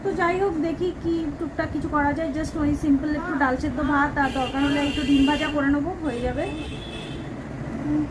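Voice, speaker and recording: A woman's voice: sits high, fairly even intonation, fast, few pauses, noisy background. A woman from West Bengal chatting to viewers in a casual home vlog while she cooks and tidies, unwell with a sore leg. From West Bengal, India. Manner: chatty, talks to viewers while doing housework. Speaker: vlogger. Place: home, kitchen and bedroom.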